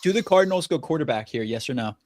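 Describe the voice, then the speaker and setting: A man's voice: a little high, animated, a little mellow. A young man co-hosting a live sports draft reaction stream, chatting casually and reading out viewer comments. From DC area, USA. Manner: chatty, quick banter, reads out viewer comments. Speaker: co-host.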